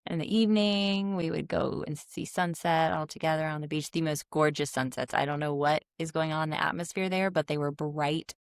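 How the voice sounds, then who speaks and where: A middle-aged woman co-hosting a podcast, chatty and animated as she recounts family travels. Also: low voice, fairly quick, gravelly, few pauses, clean tone, dry recording, clean studio sound. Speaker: podcast co-host. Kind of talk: casual storytelling chat.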